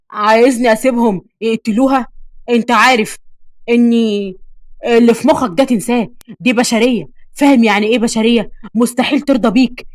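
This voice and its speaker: A woman's voice: fairly high pitch, no room sound, close to an everyday voice. A woman voicing an angry, scornful male vampire father who scolds his son, in an Egyptian accent. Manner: scolding, sarcastic.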